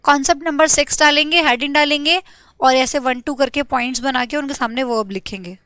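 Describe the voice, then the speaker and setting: High-voiced, brisk woman teaching online. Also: sharp tone, dry recording. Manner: brisk, urges students to copy notes quickly; reads student chat questions aloud and answers them. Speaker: English grammar teacher. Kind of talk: live online class.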